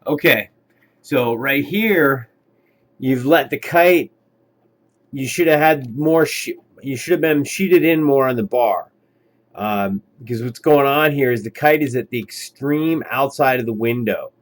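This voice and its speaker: Easygoing man coaching a kiteboarder. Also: mid-range voice. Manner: easygoing, encouraging, halting with fillers. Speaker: kiteboarding instructor. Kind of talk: coaching commentary over lesson footage.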